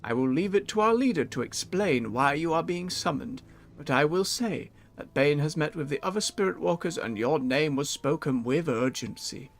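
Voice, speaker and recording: A man voicing a solemn, formal tauren spirit walker from a fantasy game, giving a summons in measured words. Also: fairly high pitch, animated, vocal fry. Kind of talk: read-aloud video game quest dialogue.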